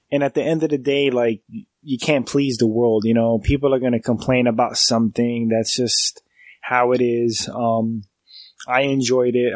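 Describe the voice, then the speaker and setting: A man with a cold reviews a film for his podcast, his nose clearly stuffed up and his voice medium-pitched. He rambles casually, restarts sentences and leans on fillers, keeping his delivery fairly flat. The recording is close and dry, with no room echo.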